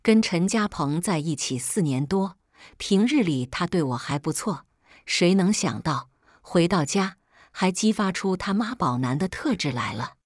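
Female storyteller for an audio drama: expressive, animated first-person narration, dry studio sound. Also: lowish voice, unhurried, dry recording.

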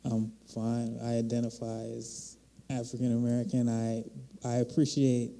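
A man in his thirties speaking on a panel into a handheld mic, measured and reflective. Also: mid-range voice, monotone, dark tone, a little hiss or hum. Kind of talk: panel discussion. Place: large hall on a stage.

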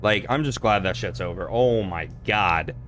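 A man giving casual let's-play commentary while gaming, expressive and freely cursing. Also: sits low, normal speed, a little hiss or hum. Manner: expressive, profane, excitable. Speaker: gaming streamer.

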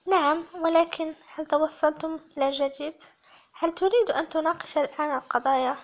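A woman's voice: high voice, brisk, natural voice. A woman voicing a terse, aloof male investigator. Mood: curt. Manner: curt, calm. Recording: slightly muffled lo-fi audio.

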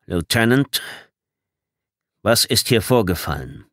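A man voicing a gruff camp commander who speaks curtly but calmly. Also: lowish voice, normal speed, dry recording, clean studio sound. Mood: stern. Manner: curt but calm.

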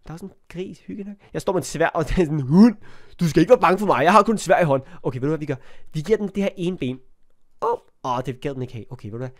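A man's voice: fairly high pitch, animated. A young man with a cold giving chatty let's play commentary on a block-building game, talking to the animals and yelping when startled. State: has a cold. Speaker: gaming YouTuber.

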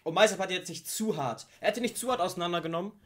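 A man hosting a casual reaction video to a rap track, full of slang, jumping between loud outbursts and low mutters. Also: fast talker. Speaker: YouTube reaction host.

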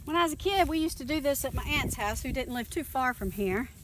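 A middle-aged woman talks folksy and chatty straight to her viewers while she walks through her rural garden. Her voice sits a little high. It is caught on a phone outdoors, with clear wind and yard noise behind her. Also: animated, fairly quick. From North Texas. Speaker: gardening vlogger. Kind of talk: casual vlog walk-through. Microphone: phone camera held or close by.

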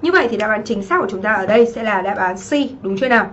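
A woman English teacher from Vietnam going over exam answers in a livestream, lively and often checking that students follow. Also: medium pitch, racing, lo-fi sound. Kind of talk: livestream exam review lesson.

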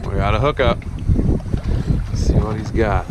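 A man's voice: on the low side, moderate pace. A man casually narrating his fishing trip on camera from an offshore boat, laughing often. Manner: laid-back, laughs often. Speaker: fishing vlogger filming the trip. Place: open boat offshore, then outdoors. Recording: loud wind noise on camera mic.

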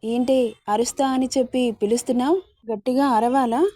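A woman's voice: on the high side, steady tone, brisk, dark tone, dry recording, clean studio sound, natural voice. A woman voicing a teasing, playful young husband, bossy and mischievous, in a romance story reading.

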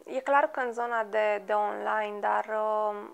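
A woman hosting an interview, asking questions and softly agreeing. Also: medium pitch, fairly even intonation, creaky, clean tone. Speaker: host. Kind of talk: interview host.

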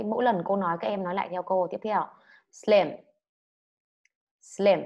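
Her voice is medium-pitched with the highs cut off as this woman from Vietnam runs an online English class for kids. She explains vocabulary, calls out words loudly and has the children echo her.

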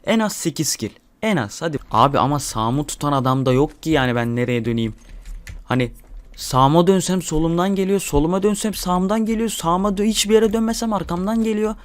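A young man hosting a gaming channel, giving excitable live commentary while he plays, swearing and talking to his viewers. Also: fairly high pitch, a little fast.

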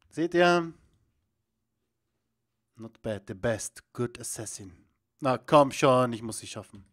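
A young man commenting on a video game with a bouncing, lively voice that leaps into loud shouts when things go wrong. He talks slowly and unhurriedly between those bursts, with soft keyboard clicks faintly audible behind him. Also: mid-range voice, slight background noise. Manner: excitable, bursts into loud exclamations. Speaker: let's play host.

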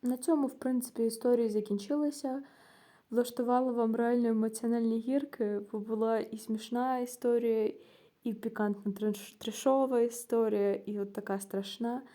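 A young woman with a Ukrainian accent tells a story to her vlog audience. Her voice is a touch high and mellow, and she is animated, acting out quoted dialogue and trailing into hesitations. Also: moderate pace. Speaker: vlogger. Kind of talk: casual storytelling.

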